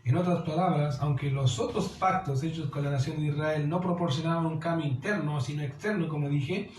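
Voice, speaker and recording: A pastor delivers an earnest sermon, his voice pitched fairly high yet mellow in tone. He keeps asking his listeners rhetorical questions. The echoey church hall carries a faint hiss of noise. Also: fairly even intonation, brisk. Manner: earnest preaching, calls listeners "dear", asks rhetorical questions.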